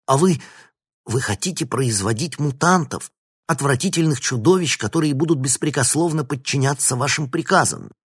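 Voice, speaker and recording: A man's voice: deep voice, normal speed, breathy edge, no room sound, studio quality. A man voicing an agitated plump male professor who protests indignantly and raises his voice. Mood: outraged, shouting. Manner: shouting, outraged, pleading.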